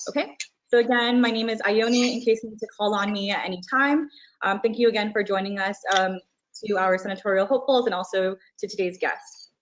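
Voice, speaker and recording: Woman, forum moderator, relaxed, many fillers, lo-fi audio. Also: mid-range voice. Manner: casual, filler-heavy, friendly. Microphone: video call. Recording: dull lo-fi video call audio.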